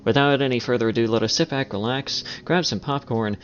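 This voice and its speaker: A man's voice: medium pitch, fairly quick, a little hiss or hum. A man giving wordy reaction commentary as a video host, sarcastic, exasperated and given to swearing. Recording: dull lo-fi, faint music behind.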